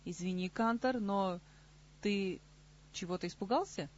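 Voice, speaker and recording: A woman voicing a sardonic middle-aged king in an audiobook, dry and unhurried, on slightly muffled audio. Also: medium pitch, darkish tone, lightly acted. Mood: dry mocking. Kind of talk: audiobook character reading.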